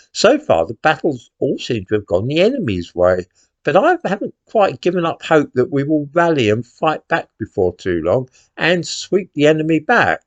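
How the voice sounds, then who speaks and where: An older Englishman, a commentator and host, delivers a sardonic, indignant opinion monologue full of rhetorical questions. His pitch is medium, and the echo-free audio sounds dull.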